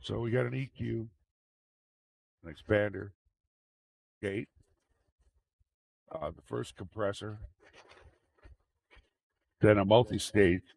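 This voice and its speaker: A man with a fairly low, very creaky, gravelly voice talks through a computer demonstration off the cuff. He rambles casually and often repeats his phrases. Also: steady tone, takes it slowly, pauses often, no echo. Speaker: tech video host. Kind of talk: casual unscripted screen demonstration. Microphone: microphone into computer audio mixer. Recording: very noisy microphone with fan noise. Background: fan running.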